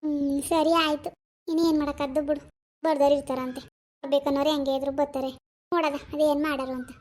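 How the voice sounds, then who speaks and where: A woman's voice: high voice, flat delivery, fairly quick, a little mellow, close to an everyday voice. A woman voicing a fretful older village mother in a cartoon, sighing and chattering. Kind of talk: animated cartoon voice acting.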